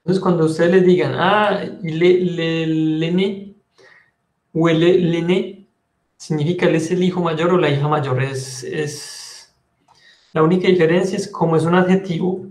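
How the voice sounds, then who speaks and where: A man with a Colombian Spanish accent teaching a French lesson, patiently explaining and repeating phrases slowly. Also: fairly high pitch, fairly even intonation, a little mellow, roomy sound. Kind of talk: online language lesson.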